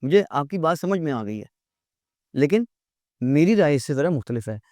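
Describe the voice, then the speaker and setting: Lively male English teacher. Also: on the high side, normal speed, no echo. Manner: animated, acts out rude and polite phrasings; conversational, addresses listeners as "yaar" and "bhai". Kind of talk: lecture.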